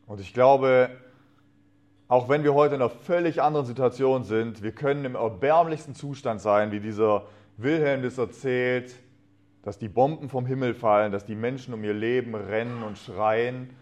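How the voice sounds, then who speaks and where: An earnest man delivering a sermon to a congregation, his voice sitting at an ordinary middle pitch. He reads aloud with feeling and lets many phrases fade to a hush at the end. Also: moderate pace. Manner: earnest, reads expressively, trails off softly at phrase ends. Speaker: preacher. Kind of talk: sermon with a read-aloud story.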